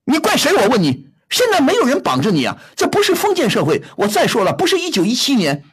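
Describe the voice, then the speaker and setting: A man's voice: very high-pitched, huge pitch swings, fast, breathy edge. A middle-aged man hosting a call-in advice show, bluntly scolding a caller with rhetorical questions. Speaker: radio advice host.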